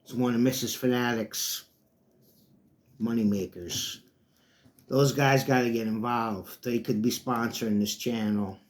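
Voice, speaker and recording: A man's voice: mid-range voice, fairly even intonation, measured pace. A middle-aged man hosting his own sports talk channel, chatting in a loose, rambling way and calling his listeners folks. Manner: chatty, folksy, drifts between topics, often calls listeners folks. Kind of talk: casual rambling monologue.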